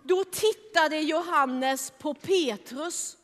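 A woman telling a Bible story to children in a lively, animated way, acting out the scenes. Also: high-pitched, in a large hall.

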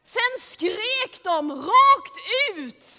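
Woman storyteller, children's Bible story, lively, addresses the audience, bright voice, reverberant hall. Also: extremely high pitch. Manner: lively, speaks directly to the listeners.

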